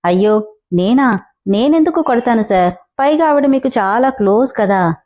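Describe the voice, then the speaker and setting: A bold young heroine who talks back to her boss with cheeky, drawn-out mockery, as a woman reading the story plays her. Her voice is soft and mellow but fairly high, and it keeps a teasing bite. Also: animated, lightly acted. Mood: defiant mocking. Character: defiant sharp-tongued young woman employee.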